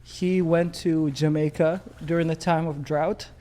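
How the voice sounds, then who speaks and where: A young man from Ethiopia speaks as a podcast guest, calm and unhurried as he works through his story with frequent pauses. His voice sits a little high and has a soft, dark tone. He talks in a relaxed conversational way. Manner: calm, storytelling with many uhs. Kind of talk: casual interview storytelling.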